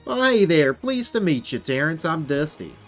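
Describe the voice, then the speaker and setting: A man's voice: a little high, very animated, normal speed, faint music behind, pitched above the performer's own voice. A man voicing a folksy, easygoing female hobo drifter in a video game, with a laid-back drawl.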